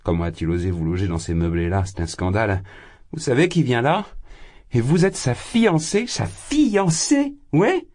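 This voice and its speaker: A man reading an audiobook voices a drunk, exalted young man who rants loudly, his voice leaping high and then sinking. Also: big pitch swings, normal speed. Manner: loud, impassioned, rambling, swings high. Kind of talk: audiobook character voice.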